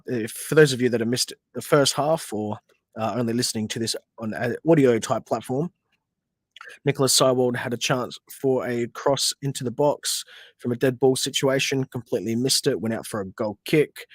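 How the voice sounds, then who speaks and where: A man's voice: mid-range voice, dry recording. Australian man hosting match commentary. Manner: chatty, frustrated asides at players, reads viewer questions. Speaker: podcast host. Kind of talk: casual livestream match commentary.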